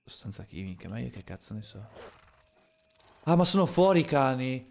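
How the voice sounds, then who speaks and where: A man streaming a horror game, commenting live and swearing, jumping from low muttering to yelling. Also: gravelly. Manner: swearing, excitable, quick shifts from muttering to yelling. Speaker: gaming streamer.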